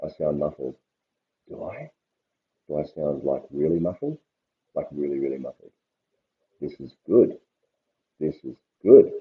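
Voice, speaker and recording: A man talks casually on a live stream, his low voice dull and muffled, as if it comes through a wall. His pitch swings widely as he chats, and the sound is thin and phone-like. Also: expressive, unhurried, long pauses. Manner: chatty, reads viewer names aloud. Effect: muffled, as if heard through a wall. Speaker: livestreamer greeting viewers.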